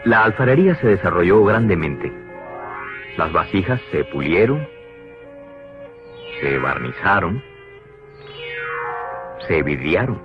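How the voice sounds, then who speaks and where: Over clear background music on a dull, lo-fi old cartoon soundtrack, a man reads a didactic, explanatory script. His low voice is sing-song and slow, with long pauses.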